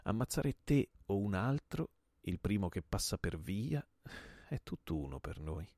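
A man's voice: low voice, big pitch swings, unhurried, a little mellow, no room sound, studio quality, heavily acted. A man reading a play aloud and voicing a desperate, grim man bent on murder, with an intense, menacing delivery.

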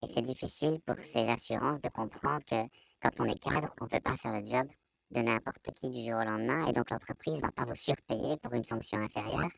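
A man with a Belgian French accent giving a hesitant, explanatory testimony, his voice artificially pitched down to disguise it. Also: normal speed, vocal fry, poor audio. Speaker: anonymous interviewee giving testimony. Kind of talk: personal testimony in an interview.

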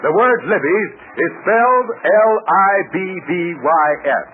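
A man's voice: high-pitched, animated, a little slow. A man with an American accent in the eager, scripted manner of an old 1940s radio announcer, selling and narrating to children. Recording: tinny, hissy 1940s radio recording.

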